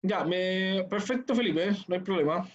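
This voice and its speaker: The teacher's voice sits high and moves at a normal speed. He leads an online class tutorial, patiently explaining every step and checking with his students, and the computer audio is dull and lo-fi.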